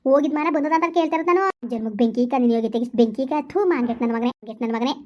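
Woman as a fiery village wife, rapid high scolding, lo-fi sound. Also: a little mellow, lightly acted. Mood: cursing. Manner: cursing, scolding tirades. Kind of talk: comic village skit. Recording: dull lo-fi audio.

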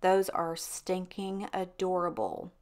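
A woman talks in a loose, rambling way, full of ums, likes and restarts. Her voice sits a little low for a woman, and she chats as if to a friend over her cleaning footage. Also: slow, a little mellow. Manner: chatty, rambling, self-interrupting with ums and likes. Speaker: cleaning vlogger.

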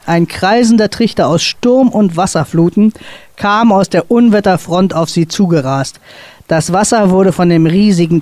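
A woman author reading a dramatic sea story aloud on a radio show, expressive and building tension. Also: lowish voice, no echo. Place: radio studio.

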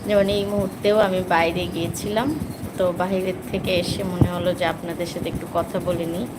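A woman from Bangladesh talking casually to viewers on a livestream, pausing often with hesitation sounds. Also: on the low side, level tone, over music, rough recording. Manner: chatty, with many hesitation sounds. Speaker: vlogger hosting a livestream. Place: at home after coming in from outside.

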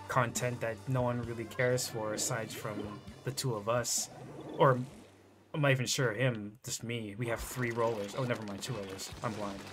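A young man chatting casually on a stream while playing a game, rambling and relaxed with many fillers. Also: medium pitch. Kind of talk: casual chat while gaming. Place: home gaming setup. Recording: game music behind voice.

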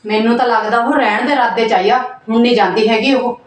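An actress playing a resentful sister-in-law complaining about household costs. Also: female voice, a little high, fast talker, close to an everyday voice. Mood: grumbling. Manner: complaining, nagging. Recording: echoey room, far mic.

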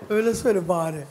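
A woman's voice: on the low side, darkish tone. A woman hosting a live daytime talk show, commenting on and coaching her guests. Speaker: host.

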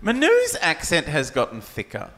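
A man's voice: a little high, wildly swooping pitch, moderate pace, fairly bright tone, slight background noise. A man comedian co-hosting a live comedy podcast, gossipy and laughing. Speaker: comedian co-host.

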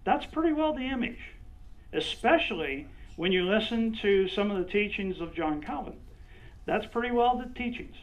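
A man's voice: high-pitched, animated, normal speed. A male pastor preaching a conversational sermon, drawing on listeners by name and checking in with frequent "right?". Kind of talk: sermon with acted-out role-play. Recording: dull lo-fi recording.

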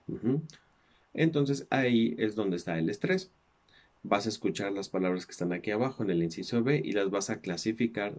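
Mexican guy teaching english in spanish, kinda low voice, patient, lots of "este" fillers. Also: darkish tone. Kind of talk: explaining textbook exercises.

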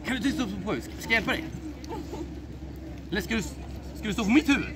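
A woman playfully leading a game outdoors, calling out loudly to a cheering audience. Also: mid-range voice. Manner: animated, calls out loudly to the audience. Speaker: game leader. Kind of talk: playful game hosting for a crowd. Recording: loud crowd and street noise.

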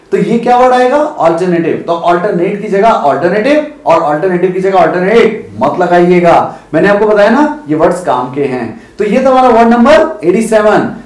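A male teacher runs a vocabulary lesson with a fairly high voice. He explains in Hindi and slows right down to sound out each English example. The sound carries a clear echo from the room. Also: a little mellow.

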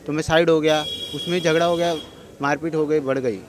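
A man's voice: on the high side, steady tone, brisk, a crowd in the background. Young man recounting a fight, outdoors. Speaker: witness.

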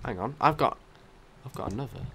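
A man's voice: mid-range voice, expressive, brisk, gravelly, fairly bright tone, slightly rough. A man with a sore throat doing casual, jokey commentary while playing a co-op game. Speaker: co-op gaming video host.

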